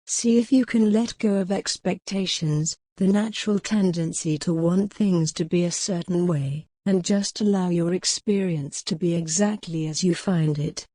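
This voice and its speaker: Speaking in a lowish voice with no echo, a woman leads a guided mindfulness meditation. Her delivery stays soothing, gentle and measured, broken by long pauses.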